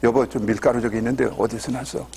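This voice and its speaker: A man voicing a distraught wife who weeps and pleads about their poverty, with a husky voice in a long-reverb hall. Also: mid-range voice, steady tone, fast, darkish tone, voice pushed down. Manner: pleading, tearful complaint. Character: distraught wife, woman, weeping over poverty.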